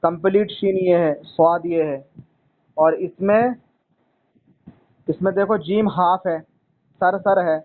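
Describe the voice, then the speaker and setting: A man's voice: high voice, steady tone, slow pace, pauses often, phone-quality sound. A man teaching a student to read Arabic letters, patient and repetitive, often calling the student son. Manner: patient, repeats points, calls the student son. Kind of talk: one-on-one lesson.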